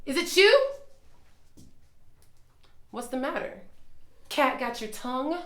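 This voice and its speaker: A woman's voice: high voice, fairly bright tone. A woman playing a menacing, taunting catlike wrestler in a staged wrestling promo. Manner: slow, threatening taunts. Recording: echoey room.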